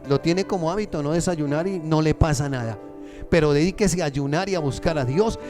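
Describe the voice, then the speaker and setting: A man preaching a sermon to his church, pleading and emphatic, slowing his words for weight. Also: music in the background. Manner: impassioned preaching, slows down for emphasis, rises in pitch when pleading. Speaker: pastor.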